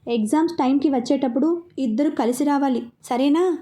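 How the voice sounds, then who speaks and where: Gentle motherly figure in an audio story, coaxing advice, read by a woman. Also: sits high, fairly quick, lightly acted. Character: caring older woman giving gentle advice.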